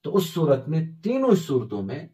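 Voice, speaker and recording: A man teaching Quran reading step by step, spelling out letters and reciting words slowly, asking and answering his own questions. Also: a little high, wildly swooping pitch, dark tone.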